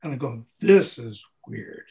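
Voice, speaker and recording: With a medium-pitched, creaky, warm voice, this man speaks expressively at a measured pace. He's a touring keyboard player guesting on an interview, telling casual stories where he acts out dialogue and sounds and repeats phrases for emphasis.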